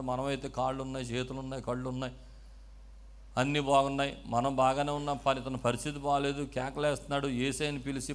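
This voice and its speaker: A male pastor giving a call-and-response sermon, moving between quiet explaining and loud shouted preaching as he has the congregation repeat his words. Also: medium pitch. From South India.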